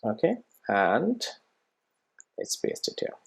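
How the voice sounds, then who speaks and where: A tutorial presenter with a mid-range voice works through programming steps informally, as if thinking aloud. His medium-pitched voice is gravelly and slightly rough, slow-paced, with huge pitch swings. He checks in often with rhetorical questions and a tagged "right?" to make sure listeners follow.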